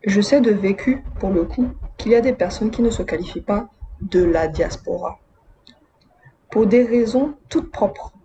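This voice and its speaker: She's a video essayist, born in Madagascar and raised in Côte d'Ivoire and France, giving casual commentary with wry, chatty, slangy asides to her viewers. Her voice is warm and medium-pitched, with a measured pace. The recording is lo-fi with slight background noise.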